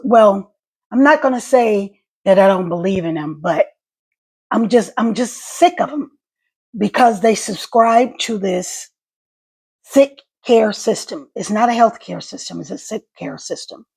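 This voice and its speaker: A woman talks casually and directly to her online viewers. Her voice is husky and full of fry, with a wet gargle to it as she speaks. Her speech is a little halting, with small stutters. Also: mid-range voice, animated, darkish tone. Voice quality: gravelly, husky. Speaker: vlogger and stroke survivor. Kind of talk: casual personal vlog to viewers.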